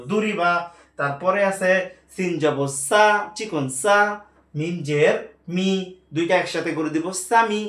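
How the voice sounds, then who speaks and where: A man, his voice slightly high, leads a slow spelled-out recitation lesson. He names each letter and vowel mark, then calls out the blended syllable again and again with rising emphasis. The room around him rings with echo. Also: fairly bright tone. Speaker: Quran reading teacher. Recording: echoey room.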